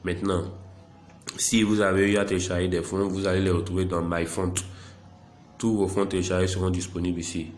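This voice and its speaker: Low-voiced and monotone from a head cold, the presenter guides viewers through an app tutorial recorded on screen. His pace is relaxed, his humor self-deprecating, and he calls out every click while a faint noise floor sits underneath.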